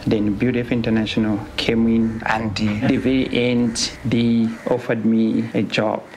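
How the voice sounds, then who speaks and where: A man's voice: fairly low pitch, little pitch movement, a little slow, darkish tone, slight background noise. A man who works as an oxygen engineer, telling his story plainly in a documentary interview indoors. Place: indoor room. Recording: interview with music bed behind.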